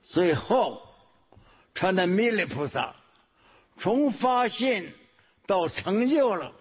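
A man preaches a Buddhist sermon in a slow, deliberate delivery, humming between phrases and going back over his key words. His voice sits high and swings widely in pitch, with a husky edge. It comes through a thin, phone-like recording. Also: big pitch swings. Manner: slow, measured teaching with frequent hums and repetitions. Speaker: Buddhist teacher.

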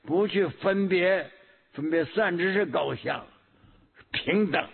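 Slow gravelly Buddhist preacher, man. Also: high-pitched. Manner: slow, measured teaching with frequent hums and repetitions. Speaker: Buddhist teacher. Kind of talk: Buddhist sermon. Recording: tinny phone-like lo-fi recording.

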